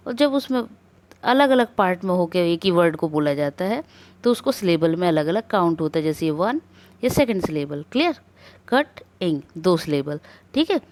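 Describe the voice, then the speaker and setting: A woman teaching English grammar in a classroom lecture, explaining step by step with many rhetorical questions and reading rules out slowly. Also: mid-range voice, darkish tone.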